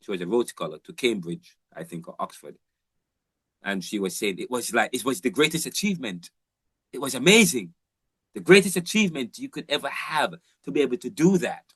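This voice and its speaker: A man's voice: medium pitch, sing-song, brisk, fairly bright tone, slightly rough, no room sound. A man from Jamaica, giving an informal, rambling university lecture with emphatic repeats and frequent restarts.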